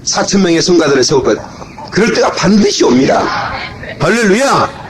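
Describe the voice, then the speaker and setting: Animated high-voiced pastor on old tape. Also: male voice, fairly quick, a crowd in the background, poor audio. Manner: animated, shouting punchlines, playful asides. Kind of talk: lively humorous sermon. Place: church sanctuary. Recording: old cassette tape of a live church service with congregation. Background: congregation laughing and responding.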